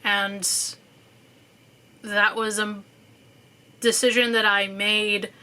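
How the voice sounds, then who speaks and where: A young female student delivers a candid personal monologue, sometimes thoughtful and sometimes sarcastic, swearing casually and using frequent fillers. Her mid-range voice sounds pushed and bright.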